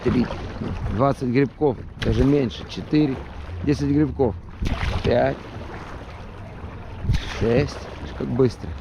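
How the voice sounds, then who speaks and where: A man vlogging on a paddleboard chats casually outdoors on the water, slow and thoughtful with frequent restarts, his Russian accent shaded by Brooklyn. He has a medium pitch and steady tone against a noisy background.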